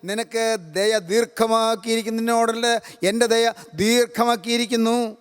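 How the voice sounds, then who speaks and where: A fervent male preacher from Kerala with a very high, smooth, resonant voice, delivering a sermon in an even, level tone. He echoes each verse and stacks repeated blessings in a steady cadence. The sound carries a long hall reverb. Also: normal speed. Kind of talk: sermon with scripture exposition and prayer.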